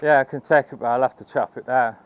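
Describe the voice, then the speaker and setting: A man's voice: mid-range voice, fairly even intonation, quick pace. A British man working as a scrap collector, chatting casually with customers outdoors. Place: outdoors on a street. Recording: tinny narrow sound, faint vehicle noise.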